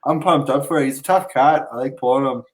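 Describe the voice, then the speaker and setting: A man talks fast and cocky about his plans as an arm wrestler. His tone is boastful and self-assured throughout the casual chat. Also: medium pitch, rough recording.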